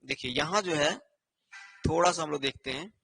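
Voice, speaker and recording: A male teacher giving an online exam-prep lesson, explaining slowly while writing on a board and checking in with a repeated "isn't it" after each point. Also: fairly high pitch, bright, forceful tone, husky. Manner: repetitive, with a constant rhetorical "है ना" and "ठीक है".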